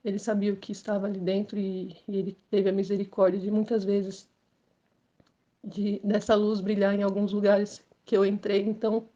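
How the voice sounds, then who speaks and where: A woman's voice: little pitch movement, moderate pace, mellow, dull audio. A woman, giving an earnest, emotional personal testimony at church. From São Paulo state, Brazil. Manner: earnest, emotional, rising in pitch and force as story intensifies.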